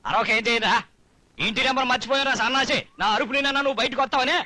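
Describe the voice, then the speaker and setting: An older actor playing a loud, bossy father-in-law and grandfather who scolds and shouts, in a film. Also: extremely high pitch, quick pace, no room sound, full character voice. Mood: hollering. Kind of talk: film acting.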